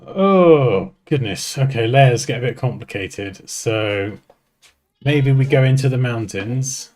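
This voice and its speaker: A man teaching design software, thinking aloud in a casual, joking way as he works. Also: medium pitch, animated, slow pace. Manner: chatty, thinks aloud, jokes at himself. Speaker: design tutor. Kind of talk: casual screen-recorded software tutorial.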